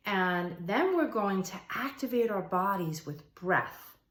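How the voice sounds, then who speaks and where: With a medium-pitched, fairly bright voice and lively intonation, she takes things slowly. The woman hosts a manifestation and meditation channel and offers an informal spiritual explainer, speaking to viewers conversationally and emphatically while repeating phrases. The space sounds roomy and echoey.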